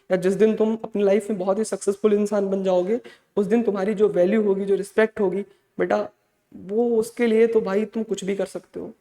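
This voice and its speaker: A man's voice: high voice, mellow. A man teaching chemistry in an online exam-prep lecture, fatherly and motivating, drilling key points over and over. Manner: fatherly, motivating, calls students "beta". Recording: echoey room with long reverb.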